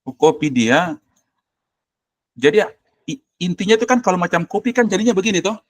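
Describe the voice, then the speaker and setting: A university lecturer with a high, expressive voice talks a little fast over a video call, with no room sound. Tutoring informally via screen share, he gives blunt, colloquial instructions and thinks aloud as he clicks through.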